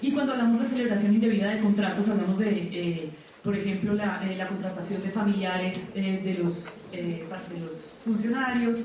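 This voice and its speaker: A Colombian woman presents at a seminar panel, explaining things conversationally and often pausing to think. Her mellow, medium-pitched voice moves at a moderate pace. She's picked up from a distance in a very echoey conference hall with faint background noise.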